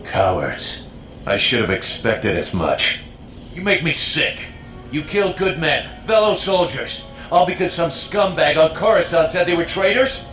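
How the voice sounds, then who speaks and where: Venomous, scornful renegade captain. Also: male voice, fairly high pitch, sing-song, a little slow, fairly bright tone. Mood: venomous contempt. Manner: venomous, contemptuous taunting. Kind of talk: video game voice acting. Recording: roomy echo, music underneath.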